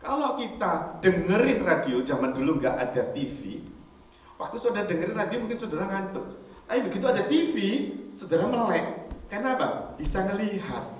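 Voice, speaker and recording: A man preaching a storytelling sermon, chatty and animated, slipping in English phrases and asking his congregation questions. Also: high-pitched. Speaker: pastor. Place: church hall. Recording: very echoey hall, mic far off, faint noise.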